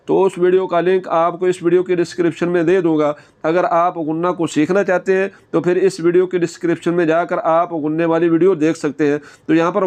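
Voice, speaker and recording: Patient male recitation teacher, smooth voice. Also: a little high. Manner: slow, drawn-out model recitations between explanations. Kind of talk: explaining and demonstrating recitation.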